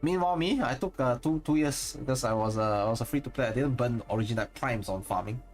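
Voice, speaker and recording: Speaking quickly in a mid-range voice, a man with a Singaporean English accent chats casually with viewers on a live stream, faint music playing behind him. This streamer and content creator rambles, thinking aloud and correcting himself mid-sentence.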